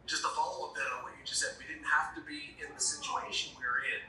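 Bright-voiced man on a roomy video call. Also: a little high, big pitch swings, fast, far from the mic, a little hiss or hum. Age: middle-aged. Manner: rambling, restarting questions. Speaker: sports reporter. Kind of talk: press conference questions over video call. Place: home office indoors. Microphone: video call laptop mic.

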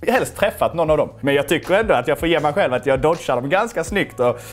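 A young man casually commenting on his own fight footage, animated and self-mocking, swearing freely. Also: on the high side. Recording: faint music underneath.

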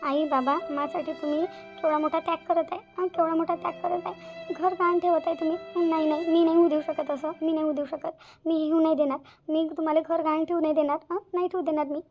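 A high, quick-talking young village bride in a cartoon. She is tearful and self-sacrificing, and insistently repeats herself. Her voice carries a gravelly edge and keeps to a narrow range. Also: fairly even intonation, soft background music. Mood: resolute. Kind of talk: cartoon voice acting.

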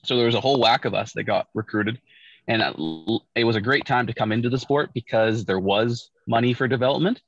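A middle-aged Olympic bobsledder from Saskatchewan, Canada, joins as a guest over a video call from a parked car, using a laptop or phone camera. He tells his story in a relaxed, fairly quick way, often restarting sentences and leaning on fillers, in a mid-range voice. The audio is dull, dry, muffled and close, with no room sound.

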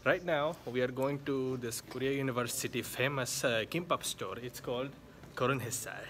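A man's voice: medium pitch, normal speed. A young man vlogging around a campus, chatting and laughing, recorded on a handheld camera. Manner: chatty, laughs often, tour-guide commentary. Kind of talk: casual vlog chat. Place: around a university campus, indoors and outdoors. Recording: roomy reverb with some background noise.

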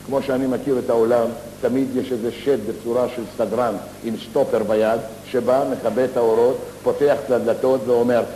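A man telling comic stories on stage, in a lively theatrical monologue full of slangy asides. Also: medium pitch, few pauses, a little hiss or hum. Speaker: stage comedian. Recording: echoey live theater hall recording.

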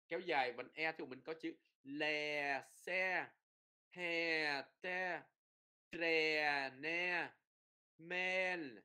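A man's voice: fairly high pitch, bright, forceful tone. A man teaching a pronunciation lesson, explaining rules and repeating drill words with frequent tag words. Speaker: Norwegian language teacher.

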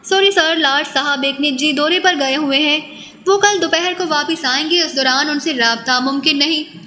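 A woman's voice: sits high, sharp tone. A woman reading the part of a polite female receptionist who apologizes on the phone, in an audiobook with long reverb and faint noise. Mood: apologetic.

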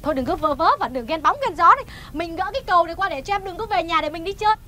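Fiery scolding wife, Northern Vietnamese accent, very high, fast, bright, stage comedy. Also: female voice, slight background noise. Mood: defiant. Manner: scolding, shrill tirades. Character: sharp-tongued wife, fiery and quick to scold.

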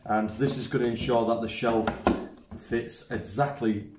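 In a large indoor woodworking workshop, a man who hosts a woodworking channel builds furniture and talks through each step in a casual, self-mocking way. His lowish voice is unhurried with fairly even intonation, and the audio carries a roomy echo and faint noise.

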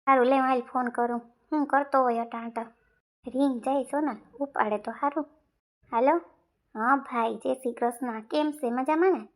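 A put-upon younger brother with a Kathiyawadi Gujarati accent, played by a woman in a comic village skit. He complains and argues in a high voice, sounding wronged and stubborn. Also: fairly even intonation, normal speed. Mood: fed up. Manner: complaining, argumentative village talk. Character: man, Sandeep, a grumbling middle-aged younger brother.

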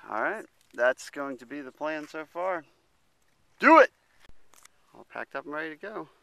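A young man talks to his handheld camera out on a mountain trail, his voice bright and crisply clear. He narrates in an easygoing, joking way. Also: a little high, very animated, normal speed, no room sound. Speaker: hiker filming a trip. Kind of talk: casual vlog narration.

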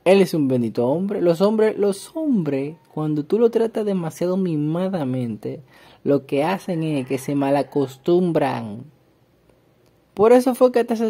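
A man reads a psalm aloud, then comments on it in an emphatic manner with animated asides, repeating words for stress. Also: high-pitched. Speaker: Bible reader and preacher. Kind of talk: scripture reading with sermon commentary.

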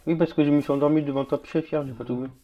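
Relaxed chatty man on a lo-fi stream. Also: a little high, very fast. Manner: relaxed, chatty, talks to other players and chat. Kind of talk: casual live-stream chat while playing.

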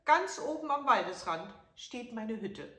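A frail old woman, secretly a fairy, calls out in a high, wailing, pleading voice that rises well above the teller's own, as a woman acts her out. Her words swing up and down with feeling, and the storybook recording rings in a roomy space. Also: very animated, measured pace, fairly bright tone. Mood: solemn. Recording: echoey room.

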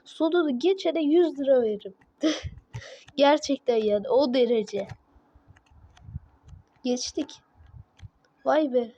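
High-pitched, excitable woman gaming host. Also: slow pace, long pauses, highs cut off. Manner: excitable, exclaiming at each move, frustrated. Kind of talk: let's play commentary.

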